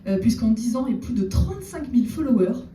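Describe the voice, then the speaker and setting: A woman doing a stand-up comedy set on stage, chatting with the audience and slipping in deadpan ironic asides. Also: fairly high pitch, fairly quick, soft background music. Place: theater stage before a live audience. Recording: roomy echo, distant mic, audible room noise.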